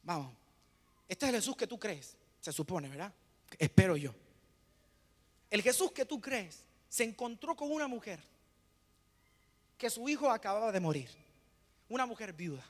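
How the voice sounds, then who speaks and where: Male preacher, high bright voice, rhetorical call-and-response questions, hushed then loud, echoey hall reverb. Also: very animated, moderate pace, long pauses. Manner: swings between hushed and loud emphatic bursts. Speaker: pastor. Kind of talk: sermon.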